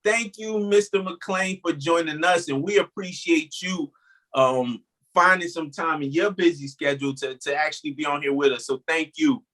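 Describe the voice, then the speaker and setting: A man's voice: fairly high pitch, normal speed, bright, forceful tone, rough recording. A man hosting an interview show, asking questions in an easygoing way and often saying "all right" between them. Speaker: show host.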